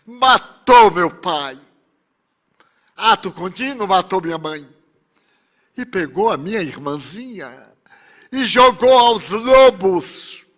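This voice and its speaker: A man voicing a grieving woman survivor who forgives her tormentor, speaking slowly and solemnly. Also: high voice, animated, a bit bright, exaggerated voice.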